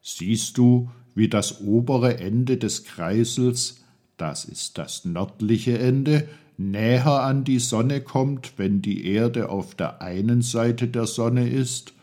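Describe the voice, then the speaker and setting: A man's voice: mid-range voice, slow, dark tone. A man doing a patient, teasing old guide. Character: kindly playful wise male guide.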